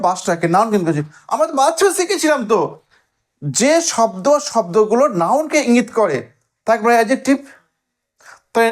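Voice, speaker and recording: Male grammar teacher, lively rise and fall, step-by-step explanations with constant checking questions, drawn-out stressed words. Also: very high-pitched. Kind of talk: classroom lesson.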